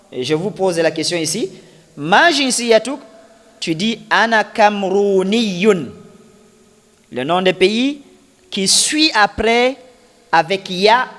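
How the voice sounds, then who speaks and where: A man with a high voice teaches a class, taking his time and repeating each example. He quizzes his students as he goes. His voice carries a long, hall-like reverb. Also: fairly bright tone. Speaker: Arabic teacher. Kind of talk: classroom lesson explaining grammar.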